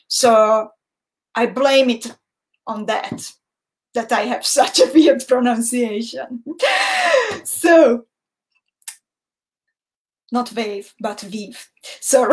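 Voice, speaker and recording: A native Hungarian speaker from Slovakia, this woman talks with a Hungarian accent in a fairly high voice. She hosts a live beading tutorial in a friendly, chatty way, greeting viewers by name.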